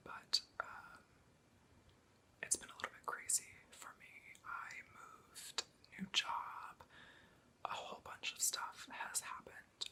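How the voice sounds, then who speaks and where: A woman whispering a casual, unscripted ASMR show and tell in a rambling, chatty way. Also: pushed and bright. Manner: whispering throughout. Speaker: ASMR video host.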